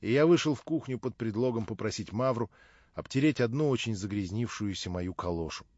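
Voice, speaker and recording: A man narrating a novel in first person, in a measured, subdued way. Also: lowish voice, lively intonation, a little mellow, no echo. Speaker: audiobook narrator. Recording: dull, dry lo-fi recording.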